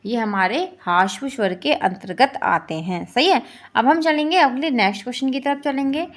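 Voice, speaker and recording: A female teacher with a Hindi-belt Indian accent leads an exam-prep lesson, going through questions and answers and turning each answer back into a quiz question. Her voice sits high, and she speaks at a normal pace.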